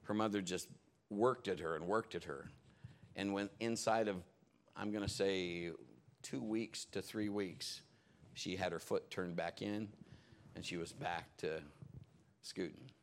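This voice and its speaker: Gravelly low-voiced man preaching. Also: a little slow, pauses often, a little hiss or hum. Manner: conversational, animated retelling with acted-out quotes. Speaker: pastor. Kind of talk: sermon storytelling. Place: church service.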